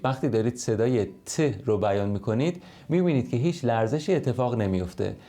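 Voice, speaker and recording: A man's voice: medium pitch, warm tone. A man teaching English in an explanatory lesson, modeling English words and sounds as he explains.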